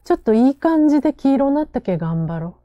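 A woman's voice: high voice, very animated, fast talker, dry recording, muffled recording. A woman streaming a game, chatting casually and playfully to herself in a western Japanese Chugoku dialect. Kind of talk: casual game-play chat. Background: game music.

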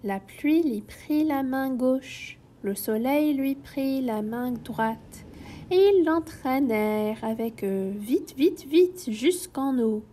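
A woman reads a children's storybook aloud, slowly and gently, her high voice rising and falling a great deal. Her tone is mellow and soft-edged. A faint hiss sits behind her. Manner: gentle and expressive.

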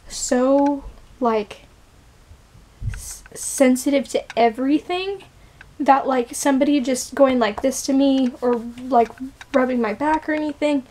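Her voice is fairly high and a little mellow. In this personal vlog, the sick, shaky twenty-something chats and rambles with plenty of fillers and restarts, filmed close up in a small bedroom using the camera's built-in mic.

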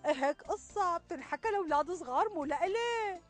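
A woman's voice: extremely high pitch, lively intonation, fast, faint music behind. An actress playing a chatty, indignant middle-aged Syrian village woman in a TV sketch, complaining in exclamations and rhetorical questions. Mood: dismissive. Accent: Syrian Arabic. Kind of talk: dramatic sketch dialogue. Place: outdoors in a leafy garden.

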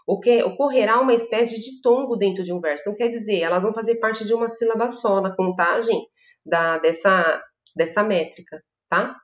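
A Brazilian woman gives a literature lesson in a patient, explaining tone, often checking in with her students. Her voice sits at an average pitch for a woman. The room around her is noticeably echoey. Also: brisk. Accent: Brazilian Portuguese. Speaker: literature teacher. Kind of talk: online class lecture.

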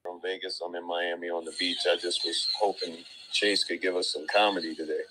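A man with a very deep voice chats casually and offhandedly. His delivery stays flat and monotone but sounds bright and forceful, with faint outdoor ambience behind him. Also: brisk, a little hiss or hum, rough recording. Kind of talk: casual chat.

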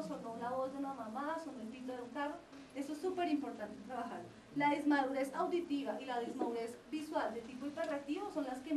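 A woman's voice: high voice, a little mellow, a little hiss or hum. A woman giving a lecture to parents and teachers on child development. She explains at length and keeps checking in with the audience. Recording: roomy lecture recording from a distance.

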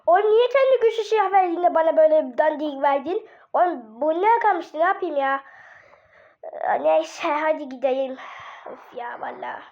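Very high-voiced woman in excitable gaming banter. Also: moderate pace. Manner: excitable, slangy banter with herself. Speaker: gamer voicing baby characters. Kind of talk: casual gaming role-play. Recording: dull lo-fi mic.

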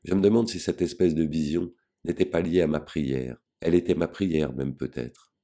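A man reading a novel aloud as an audiobook in a measured, grave first-person narration. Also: a bass voice, dark tone. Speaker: audiobook reader.

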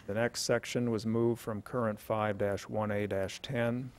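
A middle-aged man, a city official, reading out changes to an ordinance at a podium microphone in a council chamber, in a measured, matter-of-fact way. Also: fairly low pitch, level tone, darkish tone.

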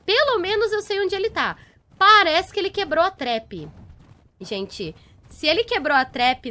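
Brazilian woman gamer, very high voice, lively pitch, excitable live commentary. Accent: Brazilian Portuguese. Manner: excitable, exclaiming and laughing in despair. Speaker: gaming YouTuber.

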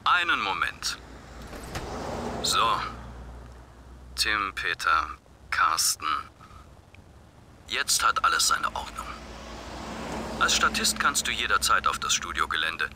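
An actor voicing an officious studio gate guard in a video game, with traffic noise behind. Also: male voice, low voice, sing-song, takes it slowly, pauses often, pushed and bright, exaggerated voice. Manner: officious, matter-of-fact.

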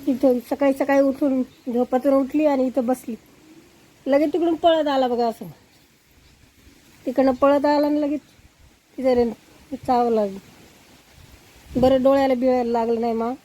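Woman, chatty vlogger, warm low-bright tone, high pitch, yard outdoors. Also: steady tone, unhurried, long pauses, low-quality recording. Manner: chatty, showing things to viewers. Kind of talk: casual village vlog.

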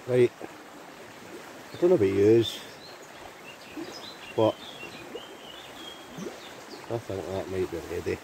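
Scottish man, deep voice, chatty, cooking outdoors, river noise behind. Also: slow pace, vocal fry, pauses often. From Scotland. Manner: chatty, thinking aloud while cooking. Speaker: outdoor vlogger. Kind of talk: casual chat to camera. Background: flowing river.

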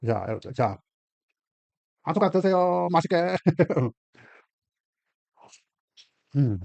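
Middle-aged gyeongsang guy cooking at home, chatty, kinda high voice, dull dry lo-fi sound. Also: lively intonation, slow, vocal fry, a little mellow, no room sound. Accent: Gyeongsang Korean. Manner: chatty, exclaiming, laughing often, talking to viewers. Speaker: cooking channel host. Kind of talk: casual cooking vlog chat.

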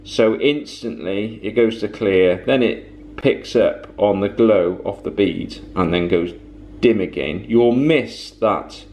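A man's voice: lowish voice, slow pace, a little mellow. A man, giving a casual, practical tool review from his home workshop. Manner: plain-spoken, practical, advice-giving. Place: home workshop with tools on the wall.

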